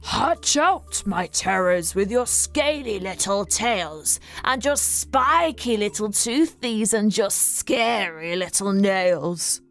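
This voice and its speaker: A woman voicing a grim, scornful Tyrannosaurus in a children's story, chanting and grumbling slowly and emphatically. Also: medium pitch, vocal fry. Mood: gloating. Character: grim, scornful Tyrannosaurus family, mean and blustering.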